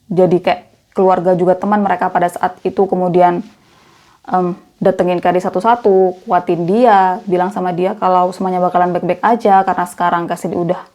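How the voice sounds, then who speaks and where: Quick chatty woman telling true crime. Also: on the low side, flat delivery, warm tone. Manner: chatty, conversational retelling. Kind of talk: casual true crime narration.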